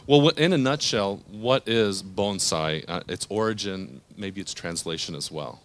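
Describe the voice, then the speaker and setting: A man with a very low, deep voice hosts an interview on a theater stage. He speaks in a measured, announcer-like way, guiding his guests through questions. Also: dry recording. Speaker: moderator.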